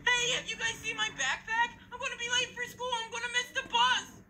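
A man voicing an excitable, whiny little boy in a comedy skit. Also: extremely high pitch, brisk, a little hiss or hum, voice pushed up, exaggerated voice. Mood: thrilled. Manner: whiny, squealing, overexcited.

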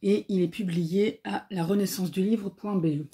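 A woman giving a casual spoken review of a comic book, often pausing and searching for her words. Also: medium pitch, fairly even intonation, dark tone.

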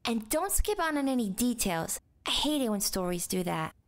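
A woman's voice: a little high, very animated, moderate pace. A woman voicing a sick young girl who is eager and full of questions. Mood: curious. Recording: music bed underneath.

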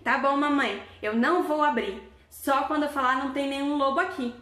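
A woman voicing a small, clever, obedient young goat kid in a children's story, with a high childlike voice. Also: steady tone, fairly quick, bright, forceful tone, echoey room. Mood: polite.

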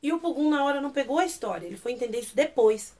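A woman's voice: high voice, lively intonation, very fast, a little mellow. A young Brazilian woman with a Brazilian Portuguese accent, animatedly recapping and gushing over a series episode in casual chat. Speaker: series reviewer.

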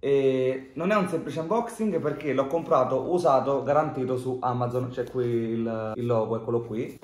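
A young man talking casually to the camera in an unboxing vlog, chatty and informal with lots of fillers. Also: mid-range voice. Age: young adult. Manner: chatty, informal, many filler "cioè" and "raga". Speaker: vlogger. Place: room at a wooden table indoors. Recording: echoey room, faint noise.

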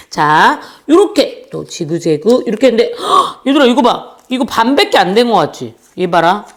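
A woman in her thirties who teaches young children, talking them through a paper craft in a playful, chatty, singsong way. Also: mid-range voice. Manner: playful, singsong, chatty, addresses kids directly.

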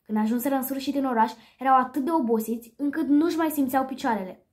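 A woman reading a children's story aloud in a lively way, with a few small slips. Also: high voice.

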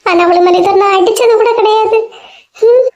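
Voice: extremely high pitch, steady tone, moderate pace, a little mellow, muffled recording, slight background noise. A performer voicing a grieving old grandmother in a cartoon, with a Kanyakumari Tamil accent and a lamenting way of talking. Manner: lamenting, calls the listener "makka". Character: grieving grandmother, guilty and tearful.

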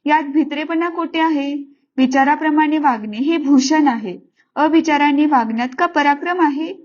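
A woman's voice: high-pitched, moderate pace, a little mellow, natural voice. An earnest, innocent young village boy, voiced by a woman, pleading in a raised, childlike voice. The storybook reading has a slightly muffled, lo-fi sound.

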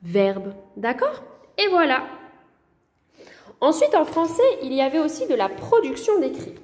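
A woman teacher with a fairly high voice talks a young class through a lesson correction. She goes very slowly and patiently, sounding out each word syllable by syllable. A long, echoing reverb hangs around her voice. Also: sing-song. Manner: slow, patient, spells out words syllable by syllable. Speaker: primary school teacher.

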